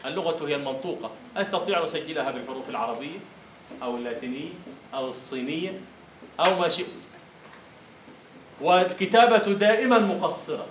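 A man lecturing on Arabic prosody in a classroom, teasing his students and slowly chanting verse syllables. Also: a little high, a bit bright. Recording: roomy lecture hall echo, faint hiss.

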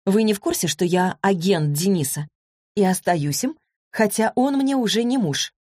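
A woman reading a story, voicing a businesslike woman agent who speaks in a cool, detached, measured way. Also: mid-range voice, expressive, darkish tone, no room sound, studio quality, voice pushed up, natural voice.

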